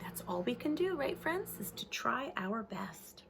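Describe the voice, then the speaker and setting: A woman with a fairly high, gravelly voice reads a picture book aloud to small children at a measured pace, with a little hiss or hum in the recording. She reads expressively and adds simple, friendly-worded explanations in a teacherly way.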